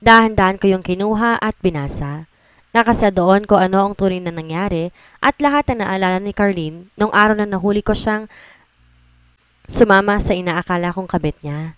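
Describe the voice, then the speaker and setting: A woman's voice: mid-range voice, moderate pace, clean tone. A woman narrating a romance audiobook in an emotional first-person reading. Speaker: storyteller.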